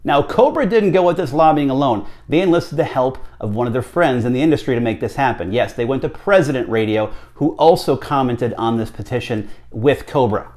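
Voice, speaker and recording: A radio hobbyist vlog host, an American man in his thirties, gives conversational, emphatic commentary to camera from a small home office, often posing rhetorical questions. His voice is medium-pitched, expressive and a little mellow, a little fast with few pauses.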